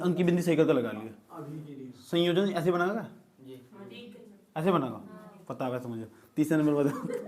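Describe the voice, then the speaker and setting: High-voiced teacher joking with his class. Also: a little mellow. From India. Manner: joking, talks straight at students, teasing. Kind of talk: classroom lecture.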